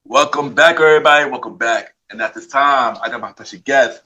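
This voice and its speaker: A man's voice: mid-range voice, brisk, sharp tone, low-quality recording. A man hosting a podcast, interviewing a guest in a laid-back way, often repeating his phrases. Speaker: podcast host. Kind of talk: casual interview.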